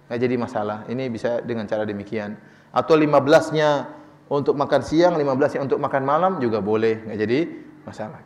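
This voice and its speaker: A man's voice: mid-range voice, fast talker, darkish tone. A man preaching in a conversational, playful way, answering listeners' questions and acting out short dialogues. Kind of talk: Islamic study sermon with Q&A. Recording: long hall reverb.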